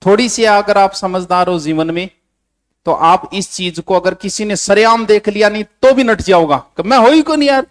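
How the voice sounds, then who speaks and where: डाँटते हुए पढ़ाने वाला राजस्थानी शिक्षक. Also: male voice, sits high, moderate pace. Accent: Rajasthani. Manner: scolding, lecturing students bluntly. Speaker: coaching teacher. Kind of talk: classroom lecture with dictation. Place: coaching classroom.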